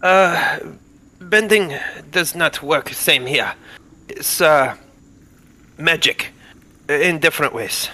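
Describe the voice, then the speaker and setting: A man playing a solemn adventurer who speaks in halting, broken phrases in a tabletop game. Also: on the high side, sharp tone. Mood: earnest. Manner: halting, broken grammar, earnest.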